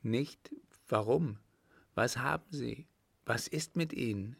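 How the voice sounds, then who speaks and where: A man's voice: medium pitch, takes it slowly, creaky, breathy edge, dry recording, clean studio sound, voice pushed up, heavily acted. A man voicing a sly, aristocratic male count and scheming accomplice, reading him in an audiobook with a smug, relishing manner. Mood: alarmed. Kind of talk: audiobook character voice.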